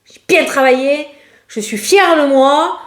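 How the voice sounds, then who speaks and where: Cartomancienne bavarde à l'accent régional, ton léger, voix assez haute, pièce réverbérante. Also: female voice, sits high, unhurried. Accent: regional French. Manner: chatty, laughs often, rambling. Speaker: tarot card reader. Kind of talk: casual tarot reading vlog. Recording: echoey room.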